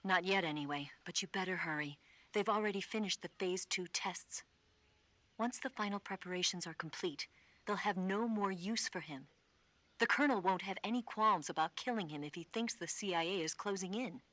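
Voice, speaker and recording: An actress voices a cool, confident female spy delivering a briefing over a video game radio call, assured, matter-of-fact and urgent. Her medium-pitched voice has a fairly bright tone at normal speed, lightly acted, with no echo.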